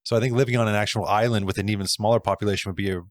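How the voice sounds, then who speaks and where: A man's voice: fairly low pitch, fairly even intonation, rapid-fire, dry recording, clean studio sound. A Canadian man hosting a casual podcast interview, talking with eager emphasis. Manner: enthusiastic, emphatic. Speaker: podcast host.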